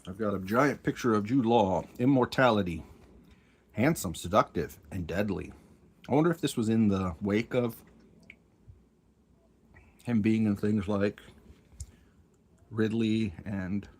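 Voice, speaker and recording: A man's voice: fairly low pitch, a little slow, pauses often, darkish tone. A man talking around a cough drop, musing aloud in casual offhand commentary as he shows his collection. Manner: muttering, musing aloud with many asides. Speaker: collector showing his tapes. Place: room at home with a fan running. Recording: faint fan noise behind.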